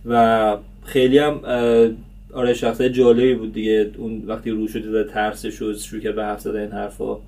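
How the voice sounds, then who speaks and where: A man's voice: lowish voice, flat delivery, vocal fry, mellow, far from the mic. A man hosting a casual review vlog about a TV series, chatty and full of fillers.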